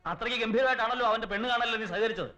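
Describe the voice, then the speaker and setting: A man's voice: very high voice, very fast, sharp tone, low-quality recording. A bossy, stern family man. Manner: scolding, bossy on the phone. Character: stubborn, scolding middle-aged family man. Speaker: head of the family, guardian of the children. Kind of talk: film drama acting. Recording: film soundtrack with music under.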